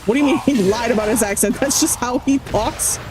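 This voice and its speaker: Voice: medium pitch, brisk. Chatty streamer over background hiss. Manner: chatty, incredulous, laughs often. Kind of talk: casual chat while gaming. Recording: steady background noise.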